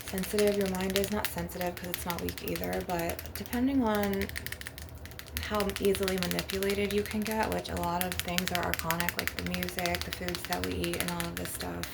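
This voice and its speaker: Speaking in a lowish register with vocal fry, this woman hosts an ASMR channel and talks to viewers about spiritual topics in a loose, meandering way, leaning on "like" and "you know." The recording carries heavy background noise from clicks and tapping on crystal and glass.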